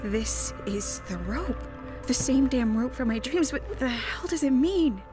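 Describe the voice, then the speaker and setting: Horror game heroine: troubled, haunted, muttering to herself, slow and expressive. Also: female voice, high-pitched. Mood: uneasy, brooding. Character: troubled, haunted young woman investigating a spooky house. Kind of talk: dramatic video game voice acting. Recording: loud game music behind voice.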